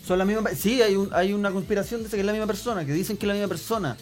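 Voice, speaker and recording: A man's voice: high voice, rapid-fire, faint music behind. A man with a Chilean accent on a comedy radio show, rambling in slang and getting defensive. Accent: Chilean Spanish. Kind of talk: improvised comedy banter.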